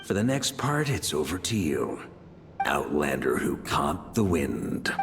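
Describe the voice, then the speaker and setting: An actor playing a seasoned, bold knight commander in a video game, with a wry, confident, theatrical delivery. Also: male voice, very deep voice, big pitch swings, unhurried, noisy background, full character voice. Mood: musing, resolute. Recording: music under the voice.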